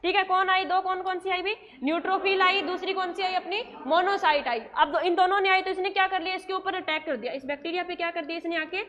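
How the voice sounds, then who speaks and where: High-voiced woman teacher drilling a class. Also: steady tone, fast, hardly any pauses, fairly bright tone, highs cut off. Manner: repeats questions and answers them herself, drilling students. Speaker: nursing coaching teacher. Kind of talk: classroom lecture.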